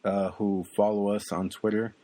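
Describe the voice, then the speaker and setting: A young man talks casually as a podcast co-host. His voice sits low, and he rambles along, filling pauses with ums and uhs. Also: little pitch movement, dark tone. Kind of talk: casual chat.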